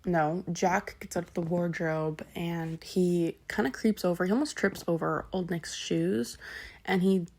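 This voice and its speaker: A woman's voice: on the low side, fairly even intonation, a little slow, gravelly, a little mellow, slight background noise. A woman casually retelling a novel's plot as a vlogger, rambling with lots of fillers, backtracking to correct herself and swearing offhandedly. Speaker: book vlogger.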